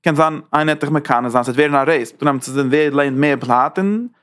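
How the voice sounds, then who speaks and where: A man teaching a Torah class in a lively lecture style, talking with sudden leaps in pitch. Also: normal speed.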